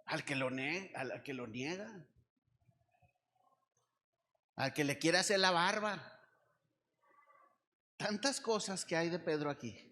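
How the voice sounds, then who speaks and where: A man's voice: on the high side, measured pace, pauses often, pushed and bright, big-room sound. A man with a Mexican accent preaching a sermon to his church, emphatic and full of rhetorical questions to the congregation. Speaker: pastor. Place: church service.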